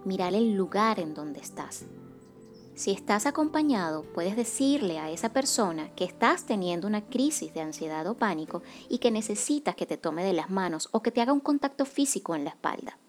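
A woman hosting a wellness podcast as a psychocorporal facilitator, reading a scripted monologue in a calm, measured, soft-spoken way. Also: medium pitch, soft background music.

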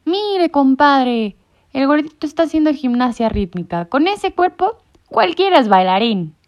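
A woman's voice: high-pitched, very animated, a little slow, pitched above the performer's own voice. A woman voicing a mocking male alley cat who sneers like a bully. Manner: sneering mockery. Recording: muffled lo-fi recording.

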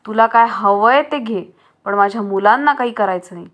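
A woman's voice: medium pitch, normal speed, close to an everyday voice. Firm no-nonsense mom in a kids story, woman doing her, scolding, brave. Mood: defiant. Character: brave, firm young mother of two.

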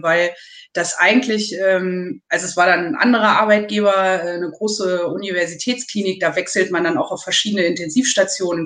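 A woman in her thirties, a nursing student, talking hesitantly and at length in a casual interview over a call. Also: mid-range voice. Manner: rambling, hesitant with many pauses. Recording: echoey room.

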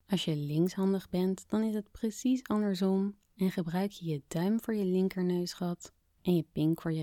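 Soft, mellow woman guiding relaxation. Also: fairly low pitch, no echo, studio quality. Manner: gentle, calm, instructional, with breathy near-whispered phrase endings. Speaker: podcast host and breathing exercise guide. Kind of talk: soft, soothing guided relaxation narration.

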